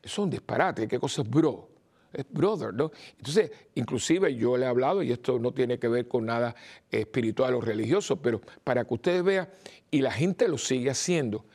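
Man, older, priest, gravelly voice, mixed Spanish accent, rambling informal homily, many fillers. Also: medium pitch, moderate pace, a little mellow.

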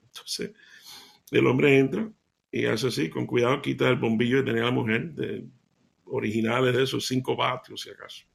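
A man giving a devotional talk, telling stories in an animated way and laughing as he goes. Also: mid-range voice, moderate pace, creaky. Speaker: lay preacher.

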